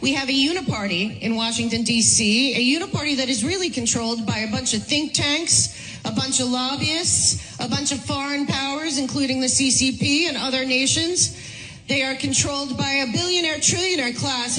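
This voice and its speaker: A woman's voice: high-pitched, a bit bright, low-quality recording. Earnest woman giving political commentary.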